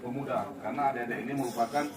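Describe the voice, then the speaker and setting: A man's voice: medium pitch, steady tone, rapid-fire. A police officer in his forties gives a talk to a youth group, repeating key points and asking the young people questions. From Belitung, Indonesia. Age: 40s. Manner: repetitive, explaining, asks the audience questions. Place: outdoor sports field gathering. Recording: roomy, distant, noisy outdoor recording.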